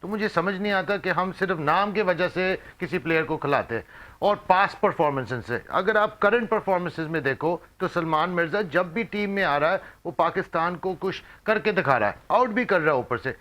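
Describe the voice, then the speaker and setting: Man, former cricketer, commentator, slightly high voice, mixes in English, restarts often. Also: animated, a little fast, a bit bright. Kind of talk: casual analytical panel talk.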